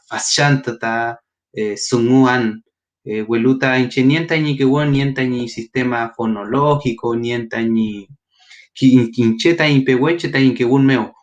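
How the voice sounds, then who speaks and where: A man answers as a guest in a casual interview, hesitant and full of pauses and fillers. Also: mid-range voice. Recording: dull lo-fi sound.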